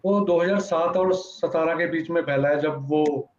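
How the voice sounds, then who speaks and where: A man speaking as a party spokesperson in a televised political debate, measured and hesitant, with fillers. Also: fairly high pitch. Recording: echoey dull remote audio with faint noise.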